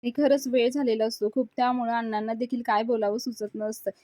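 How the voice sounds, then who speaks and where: A woman reviewer narrating a steady recap of a television serial episode. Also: fairly high pitch, fairly quick, dry recording.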